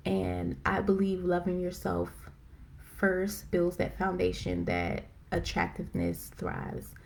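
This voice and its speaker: A woman hosting a live stream, chatting casually and excitedly with lots of fillers, rambling as she goes. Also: lowish voice, gravelly, slight background noise. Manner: excited, self-described as talking fast. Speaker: host of a live video chat. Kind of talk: casual faith-based chat. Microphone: phone or computer for a live stream.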